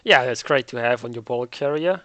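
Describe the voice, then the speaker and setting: Male host, mid-pitched, dry close mic, chatty and joking. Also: moderate pace, a bit bright, dry recording. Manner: chatty, joking, thinks aloud. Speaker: recap host. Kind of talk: casual game recap commentary.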